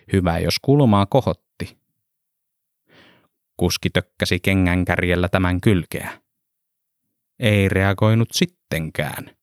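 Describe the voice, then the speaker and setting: Deep-voiced man reading a story. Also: no room sound, studio quality. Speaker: narrator. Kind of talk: audiobook narration.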